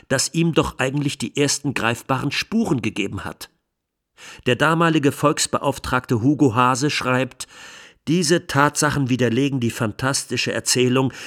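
A man voicing a sardonic, indignant lawyer in a radio drama speaks to the court, leaning on rhetorical emphasis and well-placed pauses. The tone is pointed and incisive, in a medium-pitched voice that's a bit bright.

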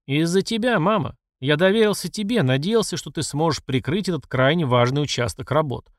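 Man doing an angry accusing emperor, very lively pitch, fairly high, dry sound. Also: fairly quick, no echo, close to an everyday voice. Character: furious middle-aged male emperor scolding his mother.

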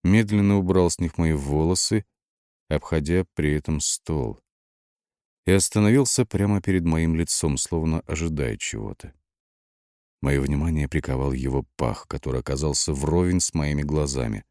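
A man narrating an audiobook in the first person, with lively, wry storytelling and shifting emphasis. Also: extremely low pitch, normal speed, dry recording, clean studio sound.

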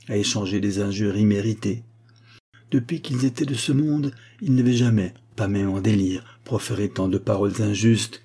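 A man narrating a classic short story in a measured, literary reading. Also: lowish voice, warm tone, breathy edge. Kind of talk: audiobook narration of classic fiction.

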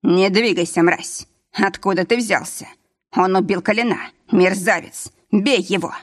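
A woman's voice: medium pitch, unhurried, natural voice. A vicious gang member in a storybook who snarls one angry question after another. His voice stays near the reader's own, as a woman puts him on. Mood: furious.

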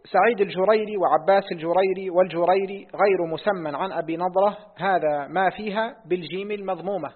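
Reading a hadith text aloud in class, a husky, high-voiced male student moves quickly and goes back over lines whenever asked. The sound is thin and phone-like, recorded in a reverberant hall.

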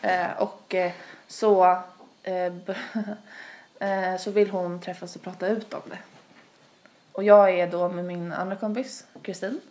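A woman's voice: lowish voice, fairly even intonation, a little mellow. A young woman tells a long story in casual podcast chat. She rambles, stacks fillers and acts out quotes as she goes. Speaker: podcast host.

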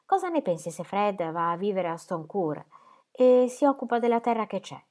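Woman reading as a gentle older father. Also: mid-range voice, very animated, moderate pace, voice pushed up, lightly acted. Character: older man, caring calm father.

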